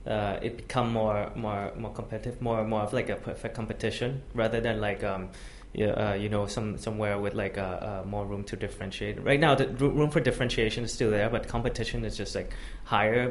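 A man's voice: fairly low pitch, steady tone, slight background noise. A man from Thailand, a company head, talking casually in an interview, full of fillers and restarts. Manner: halting, many fillers and restarts. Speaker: guest, tech company CEO. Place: office space.

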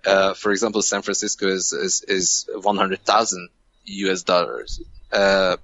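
Hungarian man, low measured voice. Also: fairly bright tone, highs cut off. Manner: measured, many fillers and restarts. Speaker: guest, venture co-founder. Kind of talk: podcast interview.

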